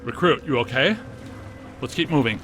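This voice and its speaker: An actor playing Egon, an earnest, cerebral scientist ghost hunter in a video game, speaking in a precise, matter-of-fact, technical way. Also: male voice, mid-range voice, moderate pace, loud music behind the voice, lightly acted. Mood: businesslike. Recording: loud ambient and vehicle noise behind.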